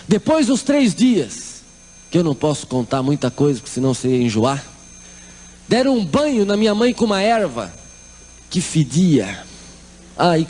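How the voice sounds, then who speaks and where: A man's voice: medium pitch, darkish tone. A middle-aged Brazilian man giving a comic church testimony, acting out the people in his story. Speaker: testimony speaker.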